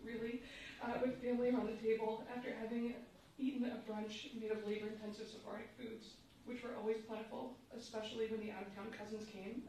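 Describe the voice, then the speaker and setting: A granddaughter reads a eulogy in a tender, emotional way at a memorial service. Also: female voice, fairly high pitch. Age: adult. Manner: tender, emotional, self-described easy crier. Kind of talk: read eulogy. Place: large echoey hall at a memorial service. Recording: echoey hall, voice from far off, faint noise.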